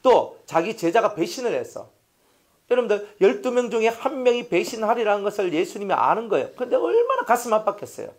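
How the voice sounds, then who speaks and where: A man delivers a sermon as pastor, very animated and a little fast, his voice sitting high. He repeats himself emphatically, poses rhetorical questions to the congregation, and shifts from loud appeals to near-whispers.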